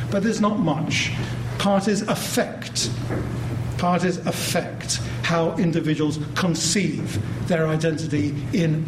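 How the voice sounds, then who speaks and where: An older man from giving an academic lecture on politics, thoughtful and full of restarts. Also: a little high. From London, England. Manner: thoughtful, many restarts, acts out quoted voices. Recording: roomy hall with background noise.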